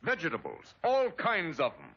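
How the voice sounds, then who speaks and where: Emphatic and dramatic, an American man reads scripted narration evoking a 1940s wartime propaganda film. His fairly high, slightly rough voice has huge pitch swings at normal speed, set against a loud orchestral score on a dull vintage 1940s soundtrack.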